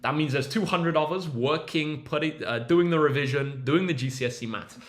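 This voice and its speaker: A man's voice: fairly high pitch, moderate pace. Upbeat man hosting a maths livestream. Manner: upbeat, hypes up viewers, reads chat names aloud. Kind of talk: casual livestream teaching.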